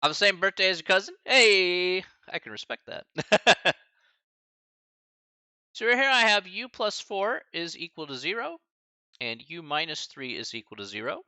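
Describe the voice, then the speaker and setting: A man's voice: high voice, measured pace, smooth, no echo. A man in his early forties, a college math instructor, teaching a live-streamed lecture and chatting with viewers between steps. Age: 40s. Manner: lively, chatty asides to chat, laughs often.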